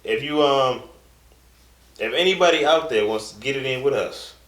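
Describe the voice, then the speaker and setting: In an echoey room, a young man co-hosts a casual fitness chat in an expressive, slightly bright mid-range voice. He talks at a moderate pace, laid-back and loose, letting fillers trail off.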